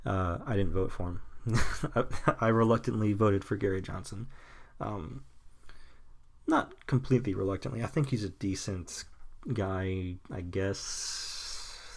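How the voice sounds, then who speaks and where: Alone at his podcast mic, a mid-twenties host with a very deep, steady voice rambles through a halting monologue. He keeps starting over and laughing nervously, then throws in cynical, blunt comments and offhand curses.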